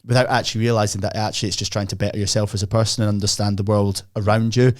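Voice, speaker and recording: Fast-talking Scottish host, low voice. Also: male voice, little pitch movement, a little mellow. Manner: fast-talking, laughs often. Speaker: podcast host. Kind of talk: casual chat.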